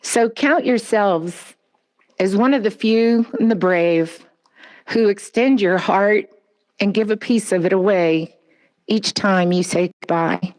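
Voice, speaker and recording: Slow, gentle woman consoling mourners. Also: medium pitch. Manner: gentle, consoling, unhurried with soft pauses. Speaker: speaker at a pet memorial blessing. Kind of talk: heartfelt memorial address. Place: outdoors at a memorial ceremony.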